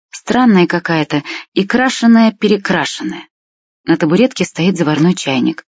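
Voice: mid-range voice, a little mellow, slightly rough, dry recording. A reader narrating a first-person story in a plain, wry, confiding way. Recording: dull lo-fi dry recording.

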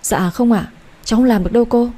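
A woman's voice: on the high side, fast talker, warm tone, natural voice. A woman voicing a timid young heroine who speaks politely and pleads anxiously. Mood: pleading.

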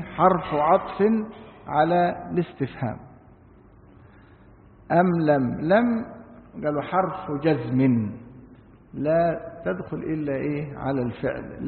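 Man teaching in an echoey hall. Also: fairly high pitch. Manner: explains slowly, asks the class rhetorical questions; chants verses melodically. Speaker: Quran commentary teacher. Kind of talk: religious lesson. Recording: echoey hall on a tinny, phone-like line.

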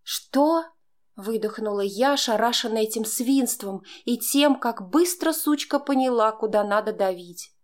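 A woman narrating a first-person audiobook in an expressive, emotional storytelling manner. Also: on the high side, moderate pace.

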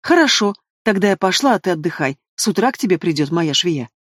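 A man's voice: high voice, sing-song, fairly quick, a bit bright, no room sound, clean studio sound, exaggerated voice. A man putting on an acid, haughty dragon queen. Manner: acid, mocking.

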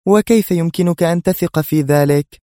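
A man putting on a shrill, indignant female spy. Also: normal speed, dark tone, dry recording, clean studio sound, lightly acted. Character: tense, sharp-tongued young female spy partner.

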